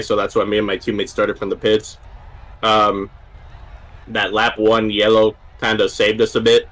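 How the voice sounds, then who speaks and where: A man's voice: on the low side, fairly bright tone, rough recording. A man who is a race driver guest, talking in a casual interview, rambling a little with frequent fillers.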